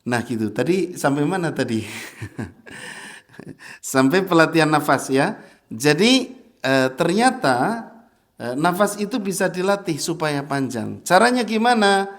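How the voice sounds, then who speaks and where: Chatty ustadz, slightly high voice. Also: male voice, big pitch swings. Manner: chatty, laughs often, chants verses slowly as examples. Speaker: ustadz teaching Quran recitation. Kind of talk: casual mosque lesson. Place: mosque.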